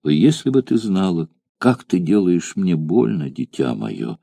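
A grieving noble mother from ancient Rome pleads through her tears in a soft, mellow voice, acted by a man reading an audiobook. The recording is dry and close. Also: low-pitched, big pitch swings, unhurried, gravelly, no echo, full character voice. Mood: grieving tender. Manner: sobbing, pleading tenderness. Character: grieving noble Roman mother, tender and tearful.

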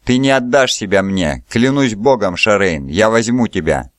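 A man voicing a defiant, calculating young man held as a slave, calm and mocking. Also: lowish voice, moderate pace, no room sound, clean studio sound, close to an everyday voice.

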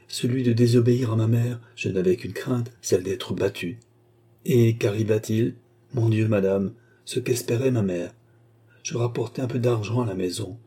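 A plaintive young noblewoman of fallen birth recounts her childhood, read by a man. The tone is very dark and mellow, with a husky grain, grave and earnest in an audiobook telling. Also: mid-range voice, close to an everyday voice. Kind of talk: audiobook reading.

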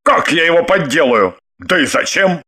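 An indignant middle-aged man blusters and barks orders in a lowered, lively voice with a bright edge, as a woman narrator plays him. He is pompous and quick to shout in this read-aloud story.

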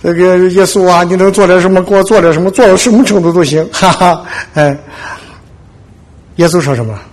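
A man's voice: sits high, brisk. A man preaching a conversational sermon, telling Bible stories in a folksy way and checking with listeners. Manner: folksy storytelling, frequent "对吧" asides, acts out quotes.

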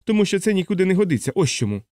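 Lovestruck young bossy man, insistent and exasperated, a touch higher and quick, read by a male narrator. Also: big pitch swings, darkish tone, no echo, studio quality. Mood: stern.

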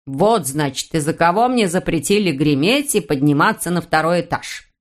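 A woman's voice: deep voice, lively intonation, normal speed. Woman doing a bossy middle-aged housekeeper, barks, snarky jabs. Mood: snide. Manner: barking, sarcastic.

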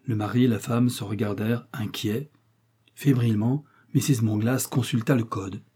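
A man reading a wartime spy novel aloud as steady scripted narration, shifting his voice a little for the dialogue. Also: on the low side, normal speed, slightly rough. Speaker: audiobook reader.

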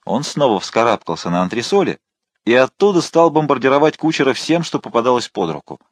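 A man narrating an adventure novel as an audiobook, in an expressive, dramatic reading style. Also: medium pitch, fast, no room sound, clean studio sound. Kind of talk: scripted narration.

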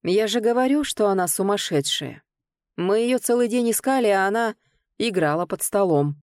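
A woman's voice: medium pitch, animated, normal speed, a little mellow, no room sound, clean studio sound, close to an everyday voice. A woman voicing a spiteful, arrogant young man in an audiobook, speaking in a sneering, venomous way. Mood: mocking.

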